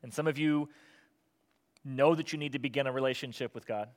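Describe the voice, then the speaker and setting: Pastor preaching in an echoing hall. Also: male voice, medium pitch, a little fast. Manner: earnest, with sarcastic asides. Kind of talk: sermon. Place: church hall. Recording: long hall reverb.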